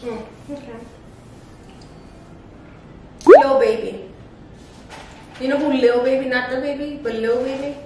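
A woman's voice: high voice, a little slow, pauses often, very echoey, far from the mic, noisy background. A woman hosting a casual chat, blunt and giggly, teasing her friend. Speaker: host.

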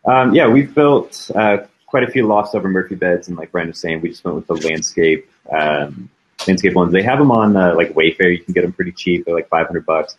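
A man who builds tiny houses, answering questions in a relaxed live Q&A, with lots of fillers. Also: low-pitched, fairly quick, dull audio. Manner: casual, filler-heavy. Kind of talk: live Q&A chat.

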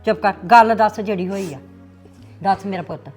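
A woman's voice: mid-range voice, fairly quick, a little mellow, soft background music, lightly acted. A middle-aged actress playing a comforting, motherly aunt in a family drama.

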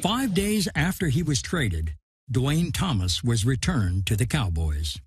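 A man narrating a sports documentary from a script, in a measured, dramatic way. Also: mid-range voice, sing-song, husky, no room sound, clean studio sound. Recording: narration over music.

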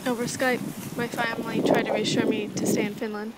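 A woman narrating a personal memory in a quiet, worried, even voice. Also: a little high, brisk, heavy background noise.

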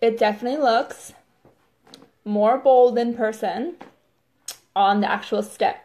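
A woman's voice: fairly high pitch, steady tone, unhurried, warm tone. A woman hosting a casual live makeup demo, chatty and filling her talk with "like" and "totally". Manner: chatty, says "totally" and "like" often.

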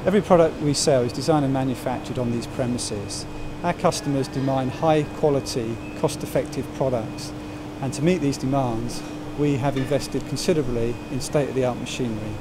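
A man's voice: medium pitch, fairly quick, few pauses. Middle-aged man, formal on-camera statement. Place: factory floor, indoors. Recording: factory noise behind.

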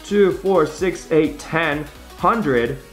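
A man with a slightly high voice gives casual vlog commentary. He talks half to himself and often repeats phrases as he goes. Music plays faintly behind him. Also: extremely slow. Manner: self-talking, repeating phrases. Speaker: scratch-ticket vlog host.

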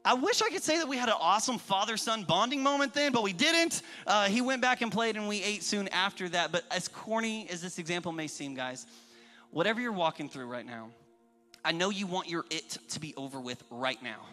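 A man's voice: sits high, a little fast. A man in his thirties preaching a sermon, telling personal stories candidly and acting out the people in them. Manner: candid, animated, acts out dialogue in different voices. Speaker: pastor. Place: church auditorium. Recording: reverberant church hall with faint music.

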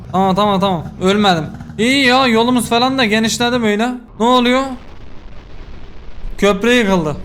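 A man giving let's play commentary as a gaming YouTuber, excitable and yelling curses at enemies into a desk microphone. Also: high-pitched, slight background noise.

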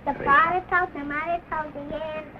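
A woman's voice: sits high, steady tone, normal speed, muffled recording, natural voice. A performer voicing a sweet, chatty little girl with a childlike, lisping way of talking, from an early talkie film. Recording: scratchy 1920s film sound, hissy.

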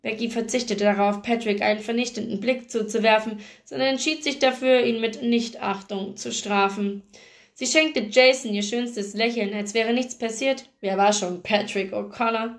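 A woman with a fairly high voice reads a novel aloud, steady and expressive. Her narration moves evenly from line to line. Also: normal speed. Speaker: book reader.

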